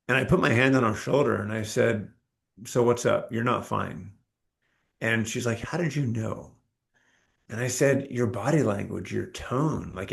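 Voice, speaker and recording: A man's voice: medium pitch, gravelly. A man, a chiropractor, talking earnestly as a podcast guest, telling patient stories and acting out the dialogue. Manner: earnest, storytelling, acts out quoted dialogue. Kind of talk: reflective interview talk.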